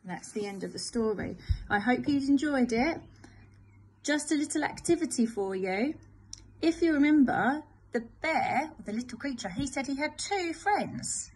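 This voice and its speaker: Slow sing-song woman reading a storybook. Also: high voice, poor audio. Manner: expressive, sing-song, gentle. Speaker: teacher. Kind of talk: reading a picture book aloud.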